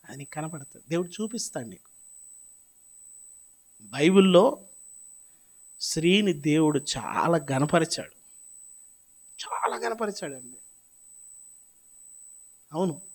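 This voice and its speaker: A male pastor with a Telugu accent preaching a sermon, swinging between loud outbursts and quiet murmurs and questioning the congregation. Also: fairly high pitch, expressive, moderate pace, long pauses. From South India. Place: church hall.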